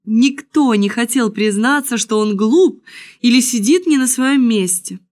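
A woman reading a fairy tale aloud in an expressive, measured storytelling manner. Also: on the high side.

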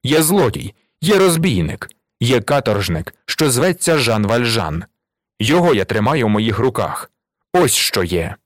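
A man voicing a harsh, scornful police inspector who barks loud commands and mocks, reading an audiobook. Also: medium pitch, very animated, normal speed, no room sound, clean studio sound, lightly acted. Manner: loud, barking, mocking.

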